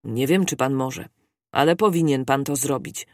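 A reader voicing a cool, composed gentleman. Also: mid-range voice, dry recording, studio quality, pitched below the performer's own voice, natural voice. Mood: calm resolve. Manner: measured and cool. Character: calm, composed English gentleman.

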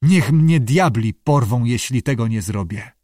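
A man's voice: mid-range voice, expressive, a little mellow, no echo, studio quality. A man voicing a small, gossipy male Irish sailor in an audiobook, talking in a wheedling, conspiratorial way. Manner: wheedling, conspiratorial, quick to back down. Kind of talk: audiobook character voice.

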